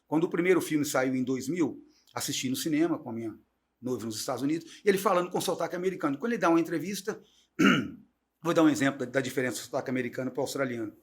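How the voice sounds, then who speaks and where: A middle-aged man, a guest teacher, talking in an animated, chatty storytelling way on a talk show. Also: mid-range voice, racing. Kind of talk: casual talk-show conversation.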